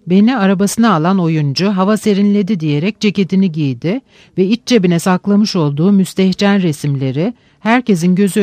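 High-voiced man reading a novel. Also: darkish tone, no echo. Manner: measured, reflective reading with slow pauses. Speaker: audiobook narrator. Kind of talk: literary audiobook narration.

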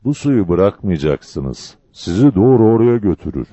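Brief: booming old man, hearty and teasing, dark lively voice, put on by a male storyteller, lo-fi. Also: unhurried, slightly rough, no echo, heavily acted. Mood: coaxing. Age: older. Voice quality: booming, hammering voice.

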